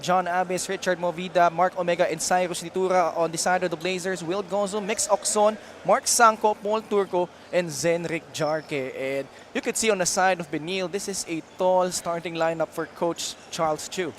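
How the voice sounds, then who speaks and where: Man, Filipino accent, high voice, play-by-play sportscaster, faint court noise behind. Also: fairly even intonation, normal speed, hardly any pauses. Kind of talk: basketball broadcast commentary.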